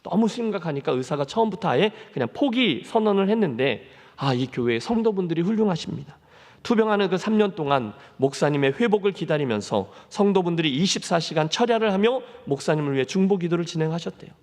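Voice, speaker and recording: A man's voice: a little high, animated, quick pace. A man preaching a sermon as pastor, telling a story earnestly and speaking straight to the congregation. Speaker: senior pastor. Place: church sanctuary. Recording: long reverb of a church hall.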